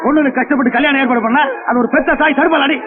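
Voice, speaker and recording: High-pitched fast bully dad, threatening, tinny film audio, loud music. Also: male voice. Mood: menacing. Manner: shouting, threatening. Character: bullying father of three daughters, middle-aged.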